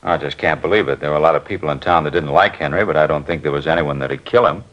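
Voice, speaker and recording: In a 1950s radio crime drama, an actor with a quick, fairly bright bass voice plays a talkative film studio worker questioned as a witness. He's chatty and rambles through his stories, and the old radio recording sounds muffled.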